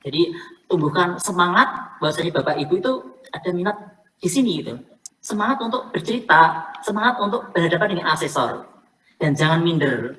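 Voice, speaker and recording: During an online coaching session, a woman helps teachers prepare for selection interviews, going back over her key points in a relaxed way. Her voice is lowish, expressive and a bit bright, a little fast but broken by long pauses. The audio has faint noise and she sounds somewhat far from the microphone.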